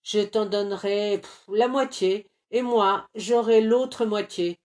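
A woman's voice: mid-range voice, slow, a little mellow, lightly acted. A woman voicing a greedy, hot-tempered male squirrel who snaps and sulks, in a storybook reading. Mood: sulky. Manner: snappish, sulky.

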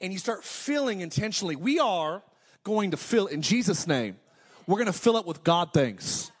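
A man in his thirties delivers a sermon in a high, bright-edged voice. He preaches with energy, stacking repeated declarations and slipping in quick joking asides before driving his point home. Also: sing-song, slightly rough. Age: 30s. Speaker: pastor.

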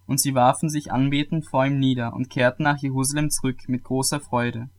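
A man reading scripture aloud at a measured pace, with occasional small restarts. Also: mid-range voice, level tone.

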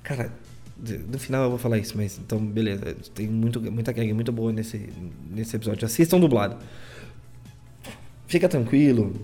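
A man's voice: on the low side, moderate pace, mellow, faint music behind. A young man giving a casual, rambling recap of anime episodes, stumbling and repeating words as he goes. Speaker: anime reviewer.

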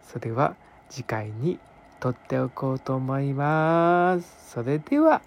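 A man's voice: mid-range voice, animated, slow, gravelly. A man telling anecdotes as a radio presenter, chatty and emphatic, often checking in with listeners. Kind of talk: conversational storytelling monologue.

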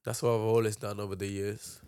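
A young man with an urban London accent and street slang, hosting a casual podcast with teasing, animated storytelling. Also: fairly low pitch, a little fast, smooth, dry recording, clean studio sound. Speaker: podcast host.

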